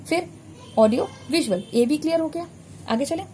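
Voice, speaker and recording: A woman with a fairly high but mellow, warm voice runs a biology revision lesson. She draws as she talks and patiently repeats each key term to drill simple memory tricks. A faint hiss sits behind her. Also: animated, normal speed. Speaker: biology teacher. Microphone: recorded while drawing a diagram on a board.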